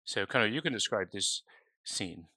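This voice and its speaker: A man's voice: on the low side, animated, normal speed, sharp tone, dry recording. A man running an online tabletop game as game master, talking loosely with many ums and uhs.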